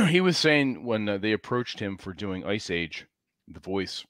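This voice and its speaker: A man chatting as a stream co-host, his pitch swinging widely as he tells stories. He clears his throat often and laughs a lot. The mic is close and dry. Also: unhurried, dry recording. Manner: animated storytelling with frequent throat-clearing and laughter. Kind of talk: casual profane banter.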